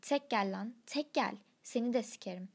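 A woman's voice: a little high, normal speed. A woman voicing a cocky young male bartender who swears crudely, then begs through tears. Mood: taunting. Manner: crude, swearing, tearful pleading.

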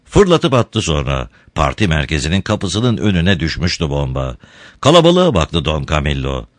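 A man with a very deep voice reads a story aloud, his pitch rising and falling with a lively, dramatic lilt. The recording is close and dry, with no echo. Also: normal speed. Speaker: narrator. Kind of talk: storybook reading.

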